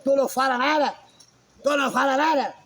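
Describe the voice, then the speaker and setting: A man's voice: very high-pitched, fairly even intonation, fairly quick, a bit bright. A male preacher voicing a stern Roman governor who presses a silent prisoner with exasperated questions.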